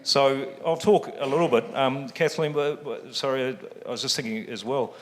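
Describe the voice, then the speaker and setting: A New Zealand-accented fund CEO speaks on a panel in a big event hall, with a mid-range voice, fairly even intonation and normal pace. He jokes at his own expense and fills the gaps with plenty of ums, all wrapped in long reverb.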